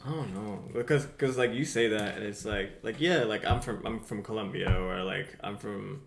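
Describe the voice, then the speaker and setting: A young Mexican man co-hosting a casual podcast chat. He speaks softly and hesitantly and often trails off. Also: on the low side, moderate pace, creaky. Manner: soft-spoken and hesitant, trails off. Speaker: podcast co-host. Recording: echoey room with faint background hum.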